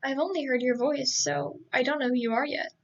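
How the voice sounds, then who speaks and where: A dismissive, sharp-tongued teenage boy speaks curtly and coldly, as a woman reads him aloud. The voice sits high, with a gravelly edge. It comes through a dull, lo-fi stream mic. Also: brisk, distant mic. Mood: cold, scornful. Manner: curt, insulting, flat delivery.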